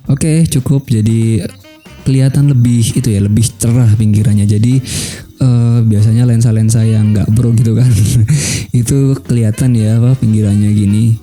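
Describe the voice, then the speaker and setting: A young man talking through a photo editing tutorial in a relaxed way, thinking aloud with many fillers. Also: medium pitch, moderate pace, soft background music. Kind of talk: casual screen-recorded tutorial.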